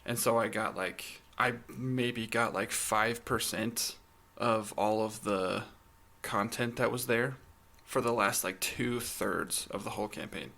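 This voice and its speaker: A man's voice: on the low side, fairly even intonation, slow, gravelly, hardly any pauses, bright, forceful tone. A man co-hosting a podcast in casual chat, with a wry, bantering manner. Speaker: podcast co-host.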